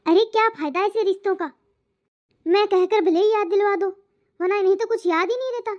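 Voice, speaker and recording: A woman voicing a nagging, sharp-tongued middle-aged mother-in-law in a Hindi cartoon moral story, scolding and accusing in turn. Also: very high-pitched, a little fast, dull audio.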